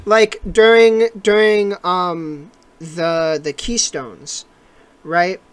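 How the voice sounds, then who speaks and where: On a casual podcast, a young adult co-host tells a long personal story in a mid-range voice that is clear and resonant. He rambles with many fillers and restarts, draws out his words, and grows more animated as the story builds, with no echo.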